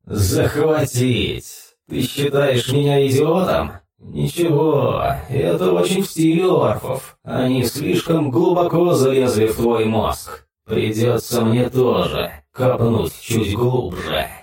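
Male narrator playing a deranged mech pilot: metallic, booming, robotic echo, slow menace, sounds distant. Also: a little mellow. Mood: mocking, threatening. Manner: slow, menacing, with nervous chuckles. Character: unhinged male ex-soldier inside a war mech. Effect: metallic echoing mech-suit voice. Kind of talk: audiobook character voice. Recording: heavy echo, distant from the mic.

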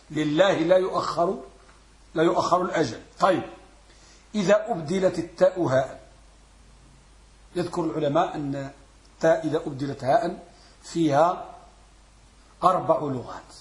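A man teaching Arabic grammar in a classroom, quizzing his students and repeating words slowly to drill them. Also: high-pitched, reverberant. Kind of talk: classroom lesson with questions to students.

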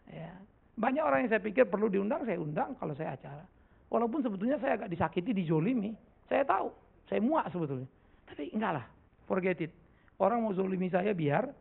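A man's voice: high-pitched, expressive, fairly quick, vocal fry, slightly rough. A middle-aged male pastor giving a casual, joking sermon with lots of rhetorical questions. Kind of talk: conversational sermon with Q&A. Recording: tinny lo-fi recording.

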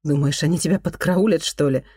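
A reader voicing a calm, dry woman. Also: mid-range voice, quick pace, breathy edge, no room sound, close to an everyday voice. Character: calm, dry middle-aged woman journalist.

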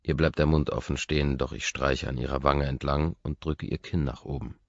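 A man narrating a first-person audiobook in a measured, softly intense manner. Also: extremely low pitch, flat delivery, no echo, muffled recording.

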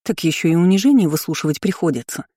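Low, mellow-voiced woman reading a novel. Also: expressive, fast talker, slightly rough, dry recording, studio quality. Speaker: audiobook reader. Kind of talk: first-person audiobook narration.

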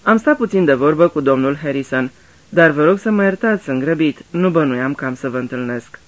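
A man voicing a nervous, hurried young Englishman in a radio drama reading, answering hastily and evasively. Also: a little high, expressive, lightly acted. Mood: flustered. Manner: hasty, evasive.

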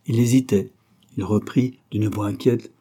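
Dark husky male narrator. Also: on the low side, steady tone, unhurried. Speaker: audiobook narrator. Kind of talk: literary audiobook narration.

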